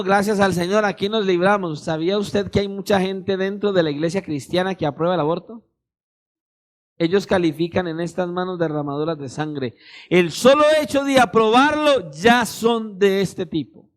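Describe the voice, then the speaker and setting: A man preaching a sermon as pastor, emphatic and speaking straight to his listeners. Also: sits high. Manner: emphatic, addresses listeners directly, acts out little dialogues.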